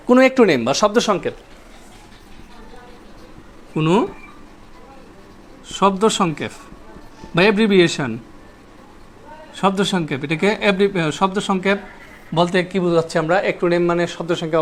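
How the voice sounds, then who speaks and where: High-voiced man teaching grammar at a board. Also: a little hiss or hum. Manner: repeats key points and quizzes students with rhetorical questions. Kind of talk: whiteboard grammar lesson.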